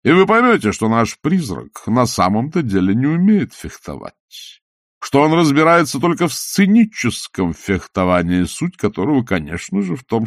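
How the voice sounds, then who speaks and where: A man's voice: mid-range voice, no room sound, clean studio sound. A man voicing a scheming, mocking male opera villain who speaks in a sneering, theatrical, taunting way. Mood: gloating.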